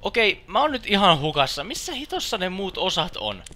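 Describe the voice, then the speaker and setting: A young man giving casual game commentary, swearing often and shouting English exclamations when excited. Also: high-pitched, background noise. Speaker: lets play gamer. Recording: loud in-game gunfire. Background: game gunfire and clicks.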